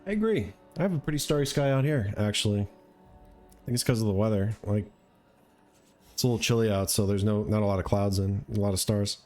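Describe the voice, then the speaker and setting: Mellow, laid-back man doing gameplay commentary. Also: lowish voice, fairly quick, soft background music. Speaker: gamer, let's play streamer.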